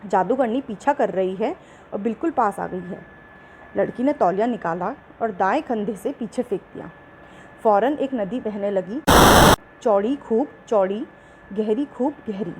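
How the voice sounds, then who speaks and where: A woman narrating a children's bedtime fairy tale in an expressive storytelling voice. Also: mid-range voice, a little slow, background noise.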